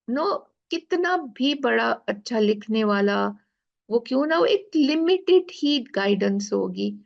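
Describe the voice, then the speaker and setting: A woman teaching Quran recitation rules, explaining slowly step by step and often checking in with her listeners. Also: high voice, vocal fry, darkish tone, muffled recording. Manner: slow, explaining step by step with frequent "theek hai". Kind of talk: tajweed lesson.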